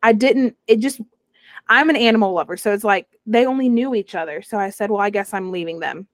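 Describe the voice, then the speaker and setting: A woman's voice: mid-range voice, brisk, dry recording. Young woman telling her story. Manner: animated, acts out quoted voices. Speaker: guest sharing her story. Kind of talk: casual storytelling interview.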